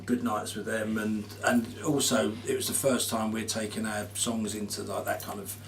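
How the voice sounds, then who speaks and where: A man's voice: lowish voice, little pitch movement, normal speed, far from the mic. Chatty man, faint room hiss. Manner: chatty storytelling, laughs often, slangy. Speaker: band musician, interviewee. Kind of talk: casual chat.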